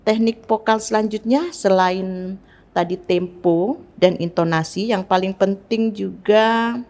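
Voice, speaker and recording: A woman from Palembang teaching recitation technique, speaking slowly and deliberately and demonstrating sentence intonation. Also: medium pitch, fairly even intonation, a little mellow. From Palembang, Indonesia. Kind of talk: instructional lesson on recitation technique.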